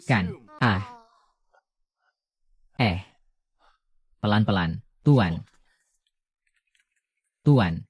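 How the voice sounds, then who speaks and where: Low-voiced male drama dubber. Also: darkish tone, husky, dry recording, clean studio sound.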